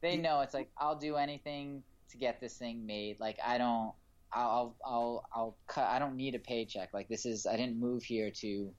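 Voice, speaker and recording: A man talking through his film projects in a loose rambling way, full of restarts. the audio is a bit dull and lo-fi, the voice sits at an ordinary middle pitch. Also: fairly even intonation, moderate pace. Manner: rambling, many restarts and fillers. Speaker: filmmaker guest. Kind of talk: casual interview chat.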